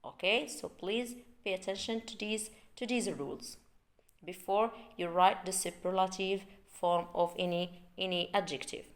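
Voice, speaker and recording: A woman teaching English grammar at an unhurried, deliberate pace. Her voice sits at an ordinary middle pitch. She draws words out and repeats them for her learners. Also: steady tone. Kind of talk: online English grammar lesson.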